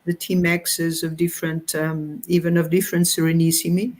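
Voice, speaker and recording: A middle-aged woman from Portugal, a guest explaining her views in a thoughtful, unhurried way with frequent pauses. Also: on the low side, flat delivery, a little mellow. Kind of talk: explanatory conversation.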